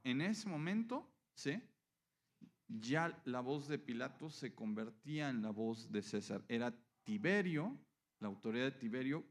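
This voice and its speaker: Man preaching a Bible teaching. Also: medium pitch. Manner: explanatory, frequent checking "¿sí?". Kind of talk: sermon teaching.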